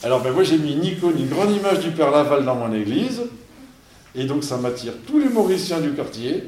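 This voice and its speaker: A man's voice: fairly high pitch, very animated, a little fast, darkish tone, reverberant, slight background noise. A man, a parish priest, giving an informal talk to an audience, conversational and emphatic, full of fillers and restarts.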